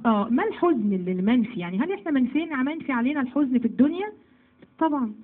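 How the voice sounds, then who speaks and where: A woman with an Egyptian Arabic accent teaching a Quran commentary lesson to women, lively and asking then answering her own questions. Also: high-pitched, rapid-fire, phone-quality sound. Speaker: religious teacher.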